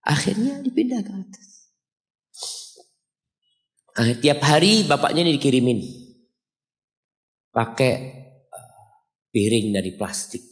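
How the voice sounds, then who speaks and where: Preacher in a reverberant hall. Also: male voice. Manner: storytelling, acting out quoted voices with high pitch jumps; addresses the congregation directly. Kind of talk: sermon.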